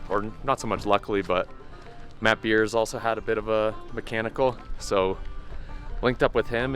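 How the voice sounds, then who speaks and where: Outdoors and slightly winded, a pro mountain bike racer who hosts a vlog gives a relaxed rundown of his bike race, poking fun at himself and leaning heavily on fillers. His voice is lowish with a fairly bright tone.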